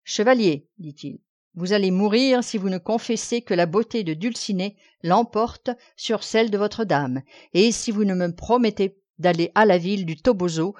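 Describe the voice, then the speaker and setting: A woman's voice: medium pitch, darkish tone, natural voice. Grandiose old knight, a woman reading. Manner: declaiming, commanding.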